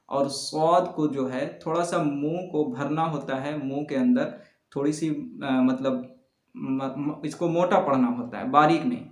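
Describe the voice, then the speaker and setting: A man teaching Quran letter pronunciation step by step, patiently repeating each sound slowly and loudly. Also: fairly high pitch. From South Asia. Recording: echoey room.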